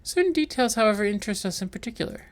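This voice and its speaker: A calm and coolly menacing man whose every word carries a veiled threat, read out by a streamer narrating a horror game. His delivery is smooth and measured, and his pitch moves about a lot. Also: close to an everyday voice. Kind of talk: reading a figure's lines in a horror game.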